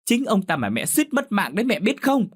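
A man's voice: high voice, big pitch swings, brisk, breathy edge, voice pushed up, full character voice. Man voicing a fierce defiant teenage girl. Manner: raised, accusing outbursts.

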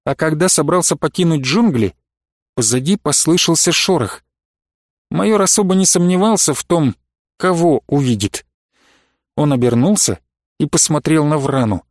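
A man narrating an audiobook in a steady storytelling read. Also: a little high, normal speed, no room sound, clean studio sound. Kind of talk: scripted narration.

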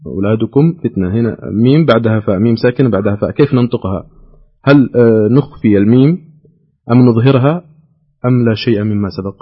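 A man's voice: medium pitch, fast, breathy edge, muffled recording. A man hosting a call-in Quran quiz show, explaining answers with frequent hesitation fillers.

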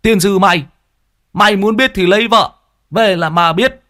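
A man's voice: high-pitched, moderate pace, sharp tone, pitched above the performer's own voice. A male storyteller voicing a bumbling, flustered older village man who stammers. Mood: embarrassed.

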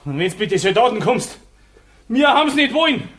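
An actor playing a bitter, proud young poacher with a high, lively voice in a 1960 radio play. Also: male voice, moderate pace, exaggerated voice. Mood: defiant. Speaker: [name].

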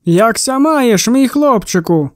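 Brief: storybook shopkeeper, chubby, jolly and teasing; male reader putting him on, smooth tone, dry close sound. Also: very high voice, expressive, slow, no echo, heavily acted. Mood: cheerful. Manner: hearty exclamations, theatrical teasing.

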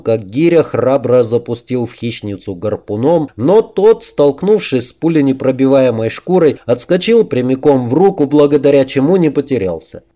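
A man narrating a novel aloud in a measured, even reading. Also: mid-range voice. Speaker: audiobook narrator. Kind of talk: scripted narration.

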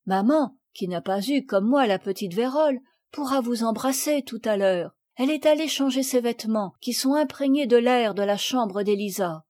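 A woman reading aloud and voicing an eager young girl who has been ill, with bright, pleading calls. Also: fairly high pitch, normal speed, few pauses, natural voice. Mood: earnest.

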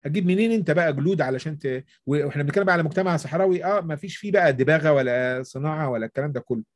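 A man's voice: a little high, rapid-fire. A man with an Egyptian Arabic accent hosting a discussion, explaining at length and answering his own rhetorical questions. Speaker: discussion host. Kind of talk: explanatory debate talk.

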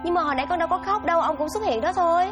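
Woman doing a shy young girl, high voice, talks fast and pleads, loud music behind. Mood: puzzled. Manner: soft, pleading replies. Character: meek young stepdaughter, timid and obedient. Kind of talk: comic sketch acting.

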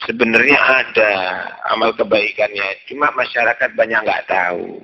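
A man's voice: lowish voice, moderate pace, pitched below the performer's own voice. A man voicing a humble, resigned middle-aged village wife, telling her story in a plain, confiding way. The recording is dull and lo-fi.

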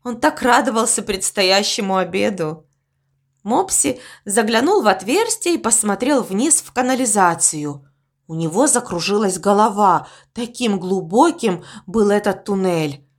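A woman narrating a children's storybook in an expressive, melodic reading. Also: medium pitch, unhurried.

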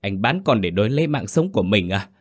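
A man's voice: on the low side, expressive, fast talker. A man doing a frantic young mother. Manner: frantic, shouting accusations. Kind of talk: horror story reading.

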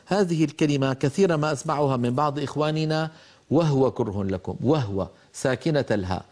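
An older man teaching Quran recitation, explaining pronunciation rules in a measured manner and demonstrating each word. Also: medium pitch, a little mellow. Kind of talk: slow melodic Quran recitation and tajweed instruction.

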